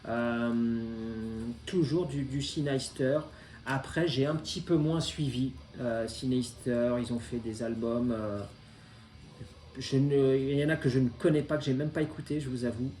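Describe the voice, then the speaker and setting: A man in his forties talks casually about the records he collects. His voice is mellow and mid-pitched, and he hesitates often while staying enthusiastic. The room around him has a noticeable echo. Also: a little slow, slight background noise. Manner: hesitant, many filler sounds, enthusiastic. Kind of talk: casual chat presenting vinyl records. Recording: roomy echo.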